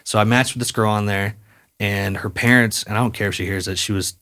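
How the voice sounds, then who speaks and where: A young man with a lowish voice talks quickly as a podcast guest. He rambles through stories in loose casual chat, restarting sentences and dropping in fillers as he goes. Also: steady tone, sharp tone.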